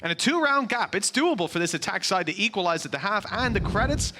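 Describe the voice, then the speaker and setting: Male esports caster for live match commentary. Fairly high voice, clear noise and clicks behind. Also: lively intonation, quick pace.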